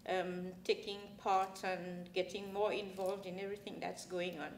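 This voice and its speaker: A woman's voice: fairly low pitch, little pitch movement, normal speed. An older woman, a quadrille dancer, answering interview questions in an earnest, heartfelt way. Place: small studio with plain backdrop. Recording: roomy and distant, faint hiss.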